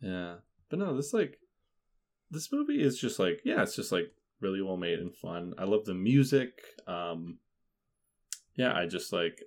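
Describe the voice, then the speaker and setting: A man's voice: low voice, sing-song, a little slow. A man chatting casually about a film on a podcast, rambling with many fillers and frequent laughter.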